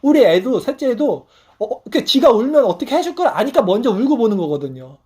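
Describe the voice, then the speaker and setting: A man in his thirties preaching a sermon, telling a story with feeling and dropping soft and low when he voices quoted prayers. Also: sing-song, fast, breathy edge. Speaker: pastor.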